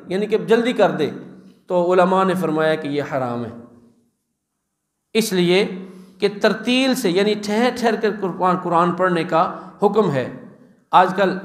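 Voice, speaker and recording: A man's voice: high voice, echoey room. A man giving a sermon as a religious teacher, asking rhetorical questions and stretching out recited examples.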